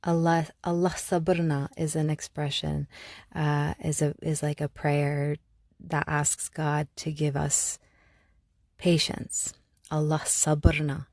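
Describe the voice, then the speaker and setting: Slow, low-voiced reflective woman host. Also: little pitch movement, vocal fry, a little mellow, dry recording, clean studio sound. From Algeria. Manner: thoughtful, searching, many pauses and restarts. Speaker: podcast host. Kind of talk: reflective solo podcast talk.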